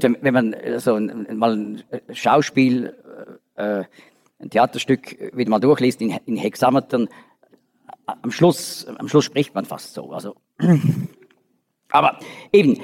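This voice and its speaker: A man's voice: medium pitch, creaky, darkish tone. A man giving a Bible study lecture, explaining step by step with frequent restarts and fillers. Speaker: Bible teacher. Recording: long reverb of a large hall.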